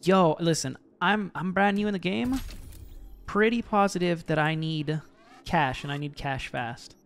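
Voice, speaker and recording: Chatty guy narrating his gameplay, jokey, kinda high voice. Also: measured pace, clean tone. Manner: joking, chatty, reads game text aloud. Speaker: gaming video host. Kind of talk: casual gameplay commentary.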